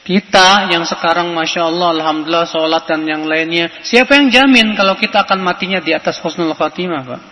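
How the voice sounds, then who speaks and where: A man preaching a sermon in an animated way, often asking the listeners rhetorical questions. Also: a little high, a little fast, few pauses. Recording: muffled hall recording with long reverb.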